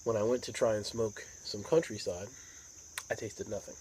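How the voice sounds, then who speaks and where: An American man talking in a casual, rambling monologue, unhurried and musing, like a hobby vlogger. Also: on the low side, fairly even intonation, a little mellow, low-quality recording. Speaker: pipe tobacco vlogger. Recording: outdoor insect and cricket noise.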